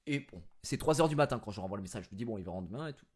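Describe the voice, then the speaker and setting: A man telling a story in a casual vlog, rambling with fillers, using crude slang and breaking into mock-indignant shouting. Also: on the low side, expressive, very fast, breathy edge. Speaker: streamer.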